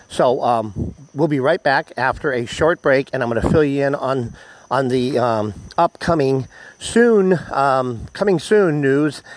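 An American man hosting a solo podcast, speaking haltingly with many ums and whistling slightly on his words because of missing teeth. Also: medium pitch, no echo, poor audio. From United States. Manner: halting, filled with ums and pauses. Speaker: podcast host. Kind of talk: solo podcast announcements to listeners.

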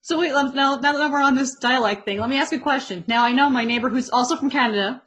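American woman host, casual chat, high voice, keeps asking questions. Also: quick pace, fairly bright tone, slight background noise. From Pennsylvania, USA. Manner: curious, asks questions.

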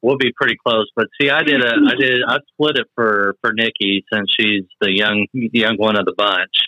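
A man's voice: on the low side, steady tone, moderate pace, sharp tone, no room sound, lo-fi sound. A man in his forties, a podcast guest chatting bluntly and enthusiastically about movies, swearing freely. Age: 40s. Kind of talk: casual chat about movies.

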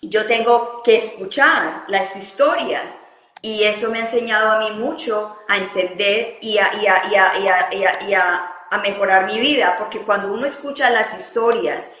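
A woman's voice: medium pitch, moderate pace, bright, forceful tone, reverberant, rough recording. A woman hosting a podcast, speaking candidly and reflectively in casual conversation, often repeating words as she gathers her thoughts. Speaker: podcast host.

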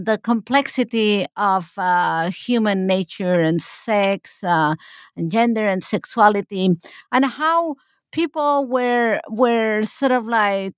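Woman professor talking haltingly, dry sound. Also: mid-range voice, dry recording. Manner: halting, many restarts and fillers, laughs often. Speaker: history professor, guest author. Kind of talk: conversational interview answers.

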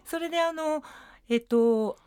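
A woman's voice: high-pitched, measured pace, a little mellow. A woman magazine editor, a guest on a radio show, explaining things carefully with frequent hesitant fillers. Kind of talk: radio interview.

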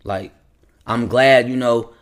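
A man hosting a podcast in a loose, rambling style, full of slang and restarts as he gives shout-outs. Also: mid-range voice, fairly even intonation, slow pace. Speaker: podcast host. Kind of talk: casual podcast chat.

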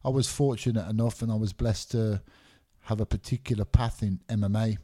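Speaking fairly quickly in a lowish, mellow voice with a steady tone, this podcast guest is a middle-aged man born in Scotland and raised in England. He works as an MMA referee and rambles candidly on the casual show, full of fillers.

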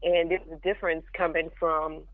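A woman's voice: low voice, little pitch movement, brisk, no echo. A young woman from Jamaica, a podcast guest, talking frankly and plainly about her life in a casual interview. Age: young adult. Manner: frank, straightforward. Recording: tinny phone line.

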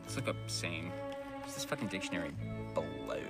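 A man's voice: sits low, lively intonation, moderate pace, music in the background. A man hosting a podcast, joking around in a playful, mock-dramatic way. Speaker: podcast host. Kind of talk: joking casual chat.

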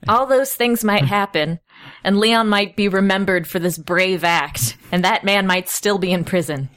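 A woman's voice: medium pitch, moderate pace, fairly bright tone. A woman playing a tabletop game, telling her character's story in a casual, improvised way.

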